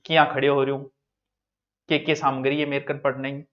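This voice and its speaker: A man teaching an exam coaching class in a lively, joking way, often moving between loud and soft speech. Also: mid-range voice, fairly quick, lo-fi sound.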